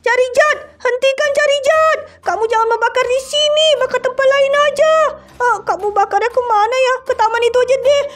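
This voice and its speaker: A woman voicing an excitable older sibling who pleads and exclaims quickly in a game role-play drama. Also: extremely high pitch, over music. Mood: panicky. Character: panicky older sibling, protective of the family home.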